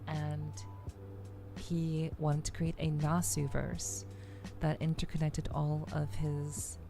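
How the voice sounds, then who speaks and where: With music in the background, this VTuber streamer talks slowly in a low, creaky voice with a level tone. She's chatting casually to her live viewers, musing out loud and repeating words frequently.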